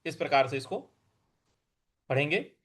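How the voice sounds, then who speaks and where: A man teaching scripture recitation, chanting verses slowly and drawn out, then explaining pronunciation in quick asides. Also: a little high, animated, a bit bright. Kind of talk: recitation lesson.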